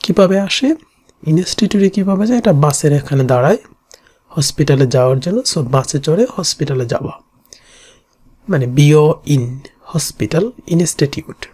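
A teacher explaining Japanese kanji in Bengali with a Bangladeshi accent, repeating each reading slowly and going through it stroke by stroke. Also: mid-range voice, darkish tone, breathy edge.

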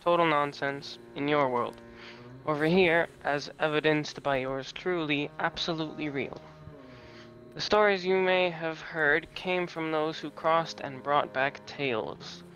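A man's voice: on the high side, steady tone, measured pace, fairly bright tone. A man voicing a wise talking crow. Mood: knowing, wry. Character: wise old male crow, a talking familiar.

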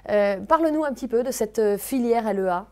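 On a TV studio set, a thirtysomething woman conducts an interview with a handheld mic, her brisk questions peppered with hesitations. Her voice runs on the high side, animated and a little mellow.

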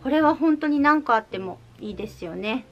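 A bubbly woman talks through her recent purchases in an easy, chatty way. Her voice sits high and swoops up and down, lively and expressive. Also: a little fast, highs cut off, faint music behind. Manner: bubbly and chatty, cheerful "jaan" reveals. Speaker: vlogger showing recent purchases. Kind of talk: casual haul video chat.

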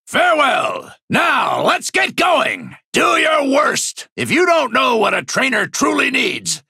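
An actor playing a gruff old sea captain in a video game, a proud, stern mentor with a raspy, gravelly voice and hearty, commanding bluster. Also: male voice, extremely high pitch, wildly swooping pitch, slow, bright, forceful tone, no room sound, shouting, clean studio sound, exaggerated voice. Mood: stern, challenging. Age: older. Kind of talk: video game character voice lines.

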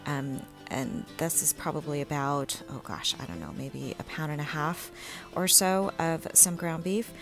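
A young woman talking through her home cooking in a relaxed, chatty voice-over, with frequent ums and little laughs. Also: low-pitched, measured pace, music in the background. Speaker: home cook vlogger. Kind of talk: casual cook-along voice-over.

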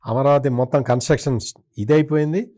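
Speaking fairly quickly with a dark tone, a man criticises in a political interview, stating firm views in his mid-pitched voice and repeating points for emphasis.

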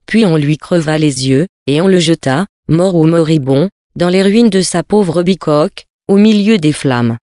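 Measured, grave audiobook narrator, dry close studio sound. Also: mid-range voice, warm tone, dry recording. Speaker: audiobook reader. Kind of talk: scripted narration of a novel.

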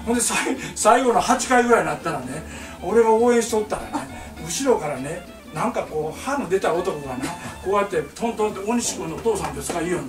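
Lively older man spinning a Kansai tale. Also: high-pitched, quick pace, hardly any pauses, roomy sound, distant mic, music in the background. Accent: Kansai Japanese. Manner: animated, acts out voices, laughs through lines. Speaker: painter telling stories to a small audience. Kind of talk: comic storytelling monologue.

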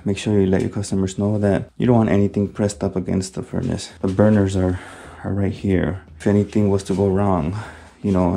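Low-voiced HVAC tech talking while working. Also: male voice, creaky, slight background noise. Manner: relaxed, explains step by step with fillers. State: a little out of breath from wearing a mask. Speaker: HVAC technician. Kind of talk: casual how-to narration while working. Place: house basement and yard, on a service call.

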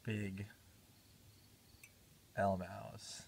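A man delivering deadpan comedy lines slowly and quietly, with a sardonic edge. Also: lowish voice, creaky. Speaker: short-video comedian. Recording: loud background noise.

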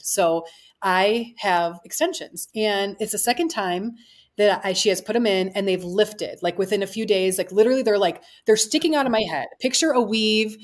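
A woman in her thirties hosting a podcast, chatting casually and telling a personal story with animated asides. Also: mid-range voice. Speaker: podcast host. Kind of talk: casual interview chat.

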